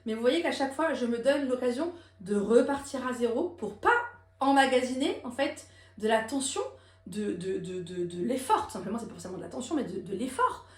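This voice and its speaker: A woman teaching a singing lesson, explaining technique and demonstrating high belted lines. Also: lively intonation, fairly quick, roomy sound. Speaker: vocal coach.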